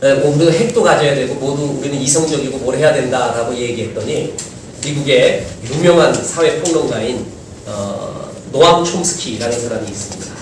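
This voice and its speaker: A pastor preaching a midweek sermon, asking rhetorical questions and acting out quotes from scripture. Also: male voice, mid-range voice, normal speed. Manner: animated, acts out biblical quotes, rhetorical questions. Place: church sanctuary. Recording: distant mic, very echoey hall, faint noise.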